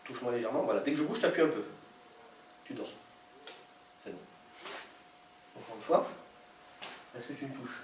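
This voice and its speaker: A man's voice: mid-range voice, expressive, normal speed, pauses often. A man teaching self-defense in a live class, giving directions and checking in with frequent "okay?"; recorded in an echoey hall from a distant camera mic with noise behind.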